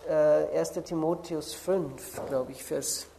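Low, mellow-voiced woman preaching. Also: fairly even intonation, creaky, a little hiss or hum. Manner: deliberate, stresses key words slowly, pauses to look up verses. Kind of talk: sermon with Bible exposition.

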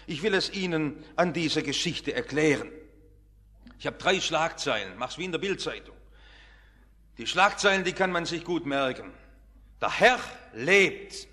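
A pastor preaching a harvest festival sermon in a church, dramatic, swinging between soft and loud. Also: male voice, fairly high pitch, animated, moderate pace. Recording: long church reverb.

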